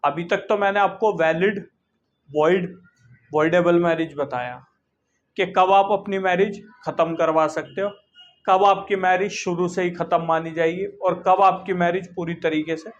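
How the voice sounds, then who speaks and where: A man teaching law in a classroom lecture, mixing in English legal terms and reading statute text slowly. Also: a little high, fairly even intonation, muffled recording.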